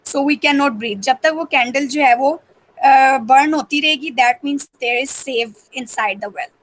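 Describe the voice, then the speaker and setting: A woman teaching a reading-comprehension class, switching between English and Hindi and alternating slow dictation with rapid explanation. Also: high-pitched, rough recording. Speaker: school teacher. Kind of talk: online reading-comprehension lesson.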